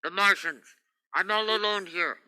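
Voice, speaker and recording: A man's voice: high voice, normal speed, pushed and bright, no room sound, poor audio. A man playing a desperate, pleading space captain stranded alone on Mars, in old radio drama style. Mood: desperate, urgent. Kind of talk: 1940s-50s radio drama acting.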